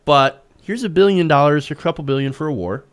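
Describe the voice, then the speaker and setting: Co-hosting a political talk show, a man argues his points forcefully and throws out rhetorical questions in opinionated news commentary. He talks a little fast at a fairly high pitch.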